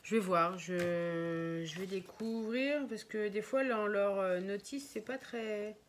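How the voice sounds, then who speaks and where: A woman's voice: mid-range voice, slow pace. Chatty woman, hesitant, noisy room. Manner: chatty, thinking aloud with many hesitations. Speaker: crafting vlogger. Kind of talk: casual show-and-tell vlog. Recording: noisy home recording with crinkling packaging.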